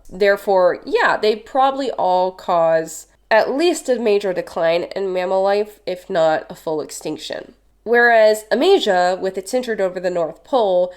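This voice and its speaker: A woman's voice: medium pitch, darkish tone. A woman presenting an educational science video with a stuffy, nasal voice from a cold, explaining in an upbeat way and leaning hard on key words.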